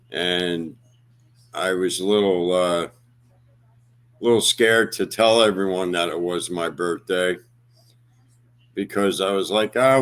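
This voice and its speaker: A man in his fifties chats to his livestream audience in an unhurried, halting way, full of fillers and pauses. His voice sits somewhat low and comes across smooth and clear. He talks at a very slow pace. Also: fairly bright tone. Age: 50s. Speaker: livestream host. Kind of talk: casual livestream chat.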